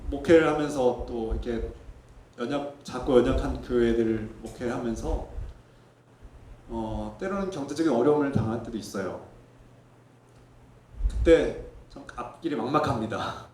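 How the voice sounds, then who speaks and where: A male pastor preaching a sermon in earnest tones, sometimes quietly reflective and sometimes emphatic. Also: unhurried, pauses often, far from the mic. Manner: softens to a low reflective tone for personal testimony. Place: church sanctuary. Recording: echoey church sanctuary.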